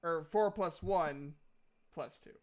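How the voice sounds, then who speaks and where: A man serving as game master in a casual tabletop roleplaying session thinks aloud haltingly while working out dice and rules. His voice is fairly high-pitched.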